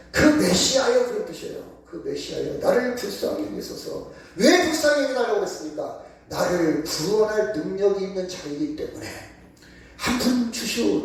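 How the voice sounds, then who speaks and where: Preaching as pastor in a church sanctuary, a man poses emphatic call-and-response questions to the congregation. His voice sits high and is a little mellow, heard from a distance in a very echoey room.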